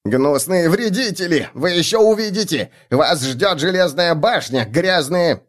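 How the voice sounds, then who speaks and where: A man voicing a frantic male halfling thief boss, squealing and whining in a high voice. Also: expressive, a little slow. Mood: shrill.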